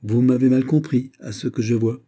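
A man's voice: mid-range voice, normal speed, mellow, pitched above the performer's own voice, lightly acted. Man doing a grave young king. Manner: grave, firm, slightly ironic. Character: young king, grave beyond his years.

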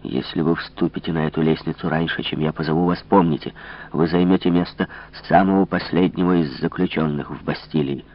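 A man's voice: very deep voice, steady tone, a little fast. A man voicing a stern, grim royal minister who gives orders in a threatening tone. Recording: dull lo-fi recording.

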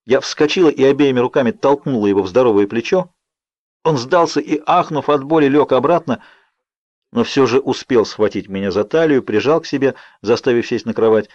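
A man giving an even, measured audiobook narration, on dull lo-fi audio. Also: medium pitch, no echo. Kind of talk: scripted narration.

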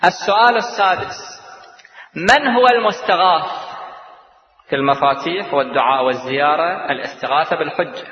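A man's voice: a little high, expressive, a little fast, long pauses. Man lecturing in an echoey hall. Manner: asks rhetorical questions and answers them himself. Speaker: religious lecturer. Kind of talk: religious lecture with Quran recitation. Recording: echoey hall, dull lo-fi sound.

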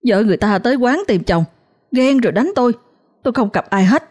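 A woman voicing a grief-stricken young woman who sobs and shouts back in defiance, with a Southern Vietnamese accent. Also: fairly high pitch, expressive, moderate pace, pitched above the performer's own voice. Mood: indignant. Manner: sobbing, pleading then defiant.

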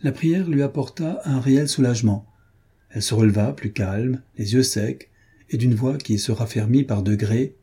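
Dark, husky male audiobook narrator. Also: mid-range voice, moderate pace. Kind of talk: scripted narration.

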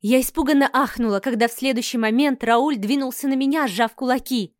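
High-voiced woman reading a novel. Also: brisk, dry recording, studio quality. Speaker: audiobook narrator. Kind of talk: first-person novel narration.

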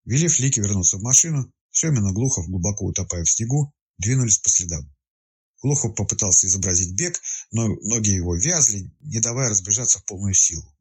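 A man narrating a detective story in an expressive audiobook reading. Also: lowish voice, brisk, breathy edge.

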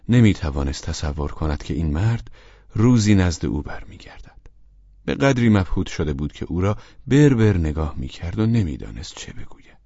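Low, husky male audiobook narrator. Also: a little mellow, no room sound, highs cut off. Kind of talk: scripted narration of a novel.

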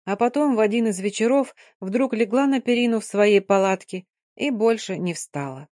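A woman reads a novel aloud in a steady, measured storytelling voice. Her pitch is mid-range for a woman. The recording is close and dry, with no room sound. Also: dry recording. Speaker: audiobook narrator. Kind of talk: scripted narration of a novel.

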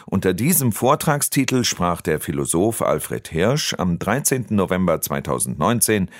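A man hosting a radio lecture program, presenting in a scripted, lively way and speaking directly to listeners. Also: deep voice, moderate pace, no echo. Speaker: radio show host. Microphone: studio microphone. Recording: dry studio sound.

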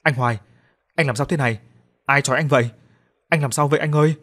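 A man's voice: mid-range voice, quick pace, fairly bright tone, voice pushed up, lightly acted. A man voicing a frightened young woman crying out in panic. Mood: panicked.

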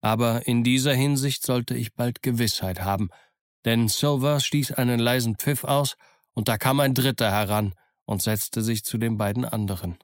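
A man narrating an audiobook in a steady, measured storytelling manner. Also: medium pitch, no room sound, studio quality.

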